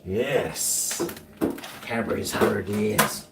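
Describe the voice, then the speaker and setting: Slow-talking Kiwi man in an echoey room. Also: fairly low pitch. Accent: New Zealand. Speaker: streamer chatting to viewers. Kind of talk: casual rambling chat to viewers. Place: indoors, home kitchen. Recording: echoey room, distant mic, faint noise.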